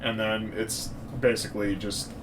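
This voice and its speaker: A man's voice: lowish voice, little pitch movement, moderate pace, noisy background. Joking man recapping a movie. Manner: recaps the plot loosely, acting out lines in jokey voices. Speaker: podcast co-host. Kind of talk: casual movie review chat.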